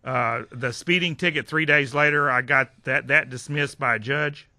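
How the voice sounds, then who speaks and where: A man's voice: medium pitch, fairly even intonation, moderate pace, bright, forceful tone. A man ranting on a talk show, heated, repetitive and rambling. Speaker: regular guest. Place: TV studio.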